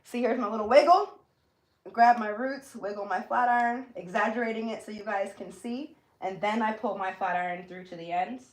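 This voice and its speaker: Her voice sits in the mid range and moves at a moderate pace, captured in a rough recording. She's a beauty livestream host, born in Jamaica and brought up in Florida, US, running an informal live tutorial while speaking directly to viewers.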